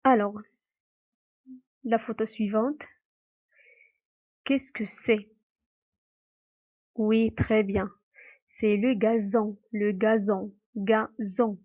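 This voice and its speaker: A woman's voice: mid-range voice, steady tone, drawn-out words, pauses often, darkish tone, dull audio. A woman teacher giving a patient phonics lesson to young children, repeating words and asking questions.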